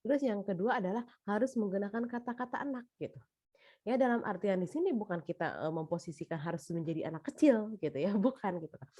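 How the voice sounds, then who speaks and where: A woman's voice: mid-range voice, mellow, no room sound. A woman giving a casual spoken lecture on teaching children, chatty, with frequent fillers and tag questions. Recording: dull lo-fi sound.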